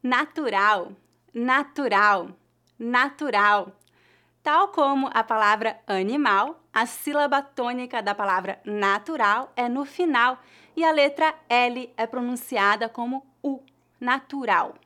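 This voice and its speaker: A woman with a Brazilian Portuguese accent teaches pronunciation in a scripted lesson. Her voice sits a little high, and she speaks clearly and deliberately, slowing down to model each word. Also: bright, forceful tone. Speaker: language teacher.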